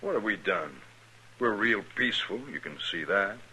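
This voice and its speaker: A man's voice: fairly low pitch, animated, moderate pace, pushed and bright, husky, full character voice, low-quality recording. A smug sneering gunman. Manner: sneering, mock-friendly threats. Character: smug menacing male gang leader gunman. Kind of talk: 1950s radio drama acting.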